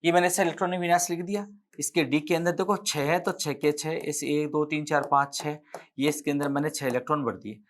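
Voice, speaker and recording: A man's voice: a little high, steady tone, a little fast. A man with a Rajasthani accent teaching an exam-prep chemistry lecture, explaining step by step, counting aloud and correcting himself as he writes on the board.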